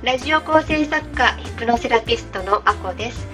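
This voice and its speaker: A woman's voice: on the high side, lively intonation, brisk, pushed and bright. A woman with a Kansai accent, hosting a casual radio interview over a video call. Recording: video call with faint music.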